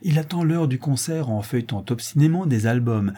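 A man reading the part of an eloquent, composed young gentleman host in a storybook reading. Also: medium pitch, lively intonation, fairly quick, slightly rough.

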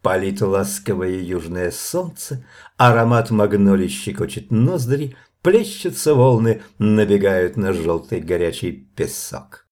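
Male audiobook narrator, measured and even, low-pitched, warm dark tone. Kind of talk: audiobook reading of a novel.

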